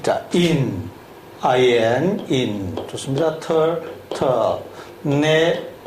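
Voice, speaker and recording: A man with a mid-range, animated voice teaches English at a very slow pace, working through spelling one syllable at a time. He poses questions to the listener as he goes, and the room echoes with a faint hum.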